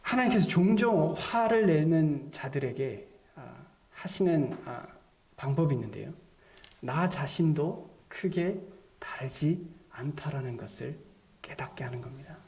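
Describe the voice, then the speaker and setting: Animated high-pitched male preacher. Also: a little slow. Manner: animated, drops to near-whispers when quoting inner dialogue; acts out imagined self-talk and God's gentle questions. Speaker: pastor. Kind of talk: sermon.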